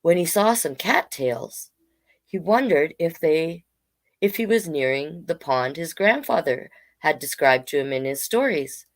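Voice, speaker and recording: Speaking at a measured pace, this low, expressive woman is a drag king storyteller leading a storytime. She reads picture books in an informal way, breaking off now and then for friendly asides.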